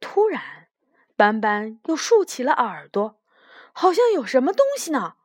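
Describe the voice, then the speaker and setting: A woman reading a children's picture book aloud with gentle, expressive narration. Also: high voice, a little slow, breathy edge, dry recording, studio quality. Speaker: children's storyteller.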